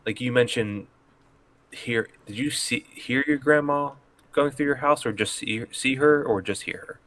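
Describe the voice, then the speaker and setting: A man hosts a casual paranormal chat. He asks questions and offers theories about what is behind the events. His voice is low and bright. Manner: probing questions, speculative explanations. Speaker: host.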